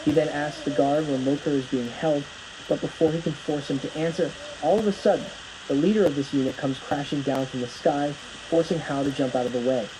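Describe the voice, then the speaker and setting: A man's voice: a little high, fairly even intonation, fairly quick, background noise. A man narrating a plot recap from a script, telling the story as it unfolds.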